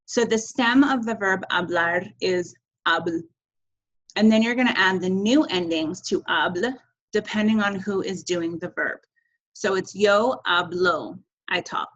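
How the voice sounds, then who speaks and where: A woman's voice: mid-range voice, unhurried, fairly bright tone, low-quality recording. Upbeat woman teaching a recorded lesson. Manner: chanting verb endings, upbeat and encouraging. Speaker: Spanish teacher. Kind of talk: recorded classroom video lesson.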